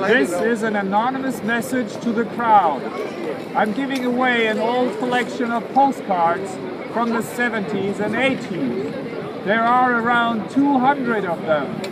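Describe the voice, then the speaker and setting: Town crier, male, unhurried public declamation, recorded outdoors with clear crowd and city noise behind. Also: very high voice. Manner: declaiming loudly and deliberately, calling out to passers-by. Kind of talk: town crier proclamation, reading messages aloud to a crowd. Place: outdoors in an open public space. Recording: noisy outdoor public space, street ambience.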